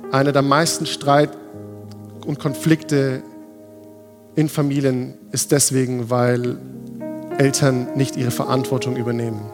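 A man's voice: mid-range voice, flat delivery, unhurried, pauses often. A man in his thirties preaching a sermon in a church hall, addressing the congregation directly and urgently. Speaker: pastor. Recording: long hall reverb, faint music behind.

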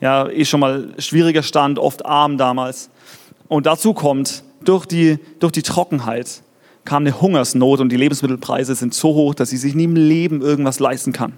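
A man's voice: medium pitch, steady tone, normal speed, darkish tone. A man preaching a casual, chatty youth sermon, talking straight to his listeners with lots of "hey" and "ja". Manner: chatty, peppers talk with "hey" and "ja". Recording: reverberant hall.

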